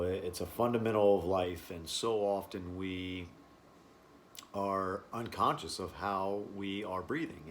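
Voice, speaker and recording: Guy with a lowish voice teaching wellness stuff, pauses between short phrases, noisy ambience behind him. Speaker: breathing and stress-relief class instructor. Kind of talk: informal explanatory wellness talk.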